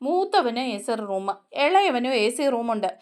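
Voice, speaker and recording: A woman voicing a drunk, hurt son who pleads slowly and tearfully about being left out. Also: fairly high pitch, very animated. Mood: hurt, pleading. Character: grieving drunk man, hurt middle son.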